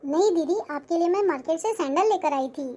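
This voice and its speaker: An actress playing a lazy, sly young sister-in-law who sweet-talks and makes excuses, in a family drama. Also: female voice, very high-pitched, fairly quick, mellow. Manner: sweet-talking, making excuses. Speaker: actor.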